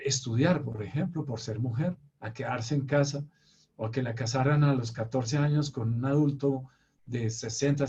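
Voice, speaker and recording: Male motivational speaker from Colombia, dark husky voice, dull lo-fi sound. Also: mid-range voice. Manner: addresses the audience directly with hesitant fillers. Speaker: speaker in a talk series. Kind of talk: motivational lecture.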